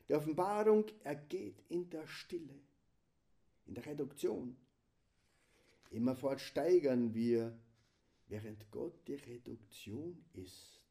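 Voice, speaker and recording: A man delivering a slow, solemn spiritual meditation, often sinking into a hushed whisper. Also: a little high. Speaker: preacher.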